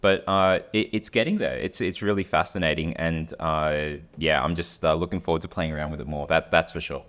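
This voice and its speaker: Deep-voiced male podcast co-host. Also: fairly even intonation, fairly quick, fairly bright tone. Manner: conversational and explanatory, thinking aloud. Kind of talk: casual chat.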